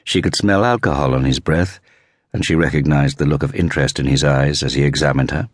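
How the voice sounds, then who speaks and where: A man reading a thriller audiobook in measured, vivid scripted narration. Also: extremely low pitch, dry recording, clean studio sound.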